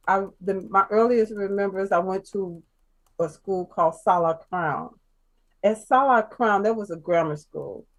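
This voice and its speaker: A soft-spoken woman from Chicago, USA tells her life story as a guest in casual chat, halting often with fillers and restarts. Her pitch is medium, and the audio quality is poor.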